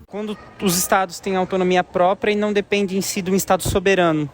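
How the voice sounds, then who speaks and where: A young woman answering street interview questions in a quick, matter-of-fact way. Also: medium pitch, level tone, a little hiss or hum. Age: young adult.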